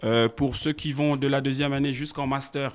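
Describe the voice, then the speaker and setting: A man representing an education agency, calmly explaining procedures in a radio interview with frequent hesitations. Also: mid-range voice. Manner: measured, explanatory, hesitant fillers. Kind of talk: informative interview answers. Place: radio studio.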